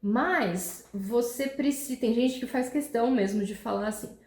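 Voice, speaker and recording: A woman teaching an English grammar lesson in Portuguese. She explains patiently, often checks in with "tá?" and "né?", and reads her English examples slowly and clearly. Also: on the high side, darkish tone. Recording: roomy echo.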